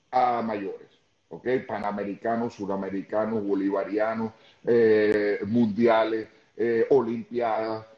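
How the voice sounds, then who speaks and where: Speaking in a lowish voice, this Venezuelan-accented man in his fifties is a guest in a casual video-call chat. He's earnest and emphatic and tends to repeat words when beginning. He's on headphones, and the recording is dull, echoey, and lo-fi.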